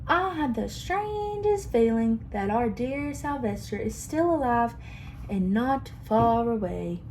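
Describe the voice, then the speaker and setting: A woman voicing a gentle, grieving mother in a storybook, speaking softly and wistfully. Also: fairly high pitch, animated, slow, slight background noise, low-quality recording.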